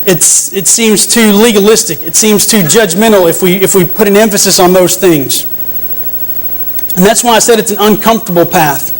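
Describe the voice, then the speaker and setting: Male preacher, high voice, earnest sermon delivery with frequent restarts. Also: moderate pace, low-quality recording. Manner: earnest, repeats and restarts phrases; addresses the congregation with questions.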